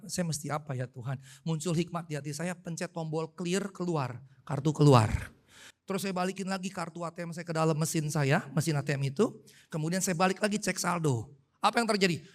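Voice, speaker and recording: Lively preacher, high voice. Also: male voice. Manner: animated storytelling, asks the congregation questions. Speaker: pastor. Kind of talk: sermon. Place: church hall.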